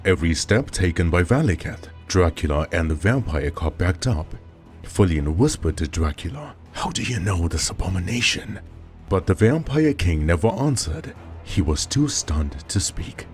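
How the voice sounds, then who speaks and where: Deep-voiced man narrating a horror story. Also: big pitch swings, moderate pace, a little mellow, faint music behind.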